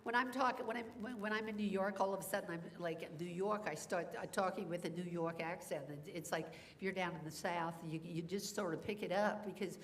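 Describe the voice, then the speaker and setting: A woman's voice: on the low side, brisk, few pauses, a little hiss or hum. A woman voice actor speaking on a convention panel, earnest and encouraging, addressing the audience directly.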